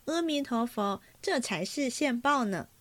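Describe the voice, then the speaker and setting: A woman reading aloud, voicing a cheeky, quick-witted young maidservant with playful retorts. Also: a little high, lively intonation.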